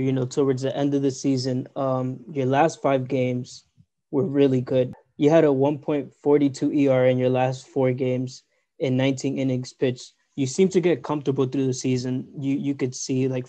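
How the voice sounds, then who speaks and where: Flat-voiced young podcast host. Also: male voice, medium pitch, moderate pace. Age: 20s. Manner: eager, informal, many likes and ums. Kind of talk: casual interview.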